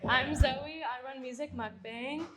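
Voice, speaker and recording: A woman's voice: high-pitched, unhurried, loud music behind the voice. A young woman hosting a live interview at a bar event, bubbly and enthusiastic. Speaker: host. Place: art bar event space.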